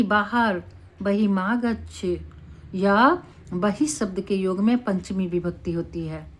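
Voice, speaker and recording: A woman teaching in a classroom. She talks at a slow, unhurried pace and keeps checking that her students are following. Her pitch sits in a middle range. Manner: slow and deliberate, often checks with "ठीक है". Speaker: Sanskrit teacher. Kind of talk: classroom lesson.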